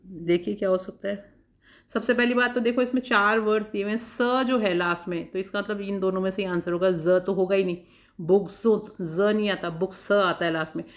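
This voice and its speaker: A woman teacher giving an exam-prep lesson. She sounds out words one by one, repeats them, and reads questions out very slowly. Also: mid-range voice, steady tone.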